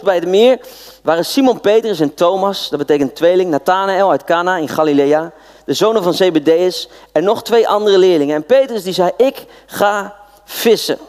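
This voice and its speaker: Man, preacher, from the Netherlands, lively storyteller, acts out dialogue, sermon. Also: high-pitched, brisk. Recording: long hall reverb.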